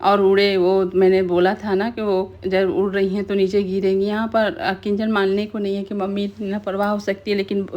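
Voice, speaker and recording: A woman's voice: mid-range voice, little pitch movement, moderate pace, hardly any pauses, dull audio. A woman casually retelling the events of a TV serial episode, talking steadily with colloquial asides. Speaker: TV serial recap narrator. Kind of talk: casual storytelling recap.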